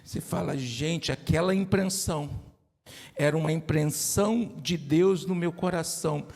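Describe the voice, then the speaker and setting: A man's voice: a little high, a little slow, gravelly, a little mellow. A middle-aged man preaching a sermon as pastor, emphatic, with frequent questions to the congregation. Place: church hall. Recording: reverberant church hall.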